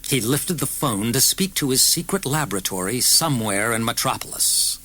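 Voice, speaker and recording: Expressive man reading a storybook. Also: medium pitch, normal speed. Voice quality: expressive, varied delivery. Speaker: audiobook narrator. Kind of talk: storybook narration.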